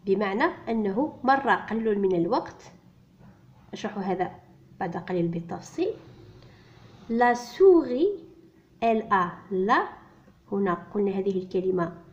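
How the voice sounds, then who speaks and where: Woman, beginner reading teacher, spells letters then repeats words, muffled lo-fi sound. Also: medium pitch. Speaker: French teacher. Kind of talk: slow spelled-out reading lesson. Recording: dull lo-fi recording.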